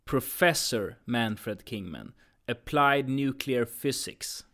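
A man's voice: medium pitch, expressive, slow, a bit bright. A man playing a firm agency commander. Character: stern male time-travel agency commander. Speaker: actor in an audio drama. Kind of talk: audio drama acting.

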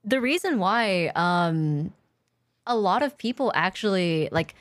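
Woman co-host chatting about streaming, very animated up-and-down voice, dry sound, swears a lot. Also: medium pitch, takes it slowly, dry recording. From lives in Japan. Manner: candid, swears freely, lots of fillers. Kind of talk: casual chat.

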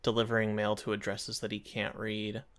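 A man co-hosting a podcast, telling a cartoon plot in a relaxed, halting casual chat. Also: lowish voice. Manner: laid-back, hesitant, many fillers and restarts. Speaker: podcast co-host.

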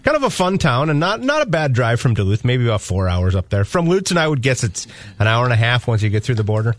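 A man's voice: medium pitch, sing-song, fast, no echo. A man speaking as a guest hockey commentator in casual, explanatory sports radio conversation.

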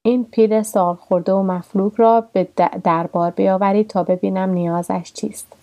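Brief: gentle male ruler in a storybook, measured and commanding; a woman narrator voices him. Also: mid-range voice, fairly even intonation, lightly acted.

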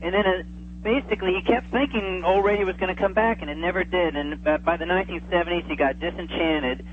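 Calling a radio program remotely, this high-voiced man talks fast, relaxed and eager during his interview. His voice arrives over a tinny phone connection with an audible hum.

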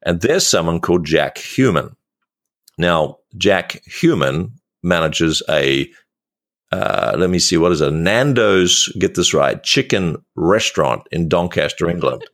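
A male podcast host in a relaxed interview, telling self-mocking stories and laughing often. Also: low-pitched, measured pace. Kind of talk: conversational storytelling.

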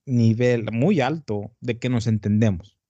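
A man with a northern Mexican accent hosting a podcast in casual chat, rambling and animated, dropping slang constantly. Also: mid-range voice, measured pace, no room sound, muffled recording. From Tamaulipas, northern Mexico. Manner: rambling and animated, slangy, peppers lines with "güey". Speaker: podcast host.

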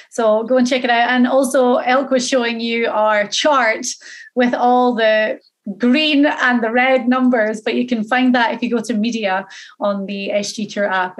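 A woman's voice: a little high, fairly even intonation, a little slow. A woman presenting a sports show as host in a casual, chatty style.

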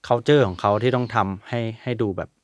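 A man's voice: medium pitch, animated, moderate pace, dry recording. A young adult man, a musician guest, explaining things in casual chat with hesitant fillers.

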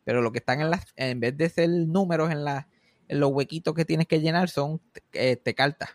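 A man's voice: on the high side, normal speed, no room sound, clean studio sound. A young man telling a funny family story in casual chat, swearing freely and slipping English phrases in.

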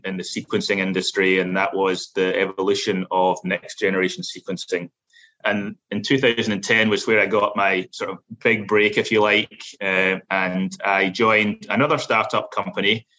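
A middle-aged man with a Glasgow Scottish accent, a guest telling his career story in a measured way with frequent fillers and restarts. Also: lowish voice, pushed and bright, dull audio. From Scotland. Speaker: guest, lab operations executive. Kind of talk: interview storytelling.

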